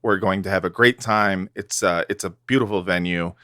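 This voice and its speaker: A man's voice: low voice, fairly even intonation, normal speed, bright, forceful tone, dry recording, studio quality. A man co-hosting a comedy podcast, rambling and joking with lots of fillers. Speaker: podcast co-host. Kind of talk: casual comedic podcast chat.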